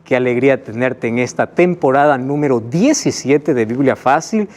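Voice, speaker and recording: Male pastor host from Peru, friendly, animated pitch. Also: normal speed. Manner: friendly, lively introductions of guests. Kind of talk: hosting a Bible study program.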